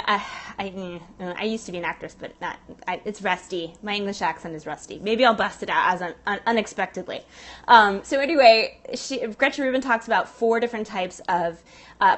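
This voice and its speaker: A woman's voice: medium pitch, normal speed, a bit bright. Chatty Southern Californian woman livestreaming. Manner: chatty, rambling, many fillers, reads viewer comments. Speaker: livestream host. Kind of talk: casual livestream chat. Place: Pilates studio.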